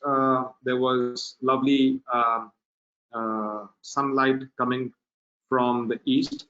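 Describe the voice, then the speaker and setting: Unhurried man presenting a photography webinar. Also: medium pitch. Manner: relaxed, unhurried, many filler pauses. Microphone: video call. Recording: dull lo-fi webinar audio.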